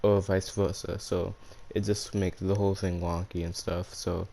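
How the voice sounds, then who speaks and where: A man's voice: sits low, little pitch movement, normal speed, vocal fry, background noise. A man with a speech impediment that turns his R's into W's, hosting and narrating fan fiction in a casual, slangy way. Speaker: YouTube storyteller and channel host.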